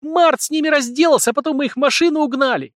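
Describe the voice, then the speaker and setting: An excitable teenage boy, voiced by a man blurts out his story eagerly and loudly. The voice is pushed well above his usual pitch, and the audiobook recording stays dry. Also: fairly quick, no room sound. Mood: excited.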